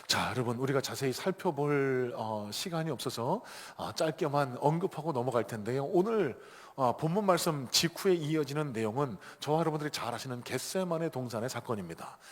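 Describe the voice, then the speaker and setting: A man's voice: mid-range voice, lively intonation, brisk. A man preaching a sermon as a pastor, telling stories with animation and rising to emphatic peaks. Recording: echoey church hall.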